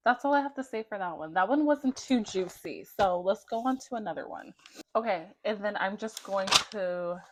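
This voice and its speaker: A woman's voice: mid-range voice, normal speed, heavy background noise. A young adult woman chatting casually to viewers as she reads from her own journal, with wry, self-mocking asides. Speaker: vlogger.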